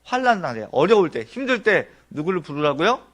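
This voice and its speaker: Animated male pastor preaching. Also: on the high side, brisk. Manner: asks the congregation rhetorical questions; explains points one by one in an earnest, conversational tone. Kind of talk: Sunday sermon. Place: church sanctuary.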